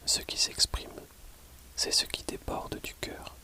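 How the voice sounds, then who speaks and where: A reader giving a whispered ASMR audiobook reading of scripture in a hushed library whisper, measured, pausing between short phrases.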